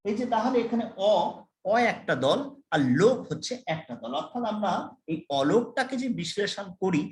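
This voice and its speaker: A man with a high voice teaches a college class in an echoey classroom. He explains step by step, repeats the key terms and stops to quiz his students. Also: animated, moderate pace. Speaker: college lecturer. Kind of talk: classroom lecture.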